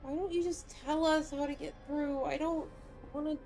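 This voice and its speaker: A woman's voice: sits high, fairly even intonation, normal speed, music in the background. A woman chatting casually as a player in a tabletop role-playing game, with wry, joking delivery. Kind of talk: casual chat during tabletop role-play.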